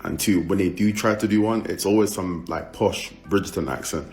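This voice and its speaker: A young man talks casually in a low voice, amused and chatty as he reacts. Faint music sits underneath. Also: a little fast, darkish tone. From Britain.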